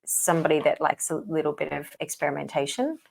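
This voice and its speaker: A woman co-hosting a podcast in casual chat, a lively storyteller who laughs often. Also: low voice, fast, vocal fry. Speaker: podcast co-host.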